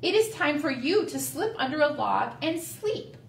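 A woman voicing a small, excited ladybug in a high, urgent voice. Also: moderate pace, creaky, a little hiss or hum, exaggerated voice. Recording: roomy, distant mic.

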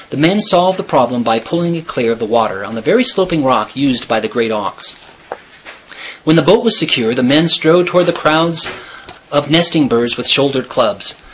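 A man reading a chapter of a novel aloud in a steady, measured storytelling manner. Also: medium pitch, husky, poor audio. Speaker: reader.

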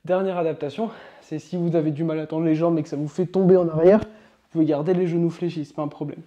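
Man, yoga teacher, upbeat and coaching, mellow tone, slightly high voice. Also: steady tone, highs cut off. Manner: upbeat, coaching, counts slowly while demonstrating. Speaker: yoga instructor. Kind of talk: instructional demonstration.

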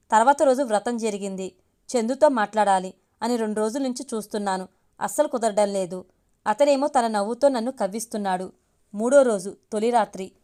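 Higher-pitched woman reading a love story. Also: darkish tone. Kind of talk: reading a love story aloud in first person.

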